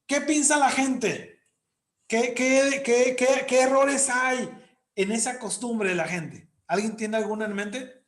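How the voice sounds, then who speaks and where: A man's voice: very high voice, takes it slowly, reverberant. A man teaching a Bible class to a congregation in a conversational way, often asking his listeners questions. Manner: conversational, asks the congregation questions, frequent "¿verdad?". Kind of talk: church Bible class lesson.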